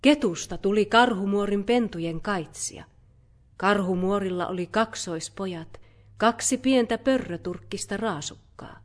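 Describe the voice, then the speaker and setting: A woman narrating a children's fairy tale in a calm, measured read-aloud voice. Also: medium pitch. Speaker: storyteller.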